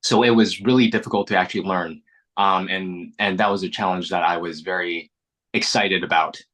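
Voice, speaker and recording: In a casual interview, this young adult Canadian actor, Mandarin being his first language, speaks earnestly and reflectively and often restarts his words. His low voice is steady and sharp-toned, at a moderate pace.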